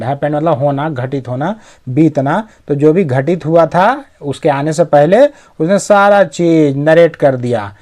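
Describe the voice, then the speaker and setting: A man teaching English, reading each sentence slowly and then explaining it word by word in Hindi. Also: fairly high pitch, darkish tone. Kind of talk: bilingual reading lesson.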